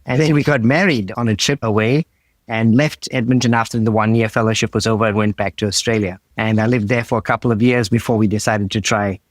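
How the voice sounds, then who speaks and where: A middle-aged man from Malaysia, a radiologist and comedian, talking in a relaxed way with hesitant restarts. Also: fairly low pitch, quick pace, no room sound. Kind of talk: casual interview chat.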